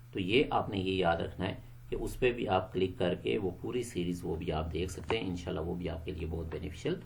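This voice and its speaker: A man teaching English phrases to Quran teachers, quick in his explanations and slow and clear when he models a phrase. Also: sits low, a little mellow, a little hiss or hum.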